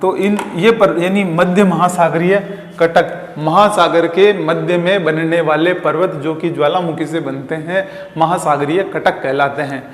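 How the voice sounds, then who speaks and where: A man's voice: a little high, steady tone, a little slow. A man teaching geography as a classroom lecture, explaining step by step and answering his own questions while drawing diagrams. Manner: draws diagrams while talking. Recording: echoey, reverberant room.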